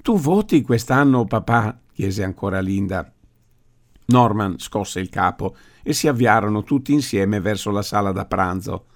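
A man's voice: on the low side, a little slow. Man reading an audiobook. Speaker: narrator. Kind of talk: audiobook narration.

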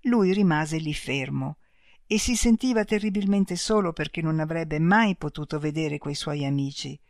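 Audiobook narrator, calm, measured, mid pitch, dry studio sound. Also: no room sound. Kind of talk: audiobook reading.

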